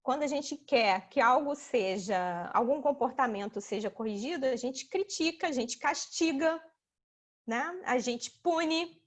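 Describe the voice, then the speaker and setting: A woman's voice: expressive, a little slow. A woman giving a casual online talk over a video call, explaining ideas step by step and often asking "né?". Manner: explanatory, sprinkles "né?", acts out children and mothers in high voices. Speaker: talk presenter.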